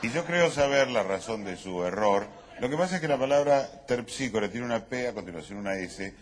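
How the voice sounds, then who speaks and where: An actor playing a smug, pedantic scholar in a live comedy sketch, lecturing about pronunciation. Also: male voice, medium pitch, natural voice. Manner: pompous, lecturing, drawn-out pronunciation. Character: pedantic learned male scholar, smug and fussy. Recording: live show with background noise.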